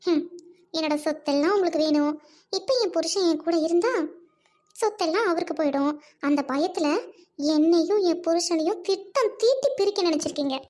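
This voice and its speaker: Brief: woman voicing defiant young wife, high-pitched, scolding and fearless, amateur skit. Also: fairly quick, a little mellow. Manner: fierce, accusing, scolding. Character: defiant young married woman confronting her scheming uncle.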